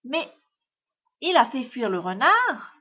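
A woman's voice: high-pitched, very animated, slow pace, full character voice. A woman voicing a small, timid, emotional male earthworm in a storybook reading, on a dull lo-fi recording.

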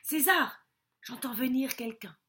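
A careful, loving father bird from a storybook, fretting over his son in a fairly high voice, as a woman reads him. He pleads and warns with quiet concern. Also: a little slow, very noisy. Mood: worried. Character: cautious caring father bird.

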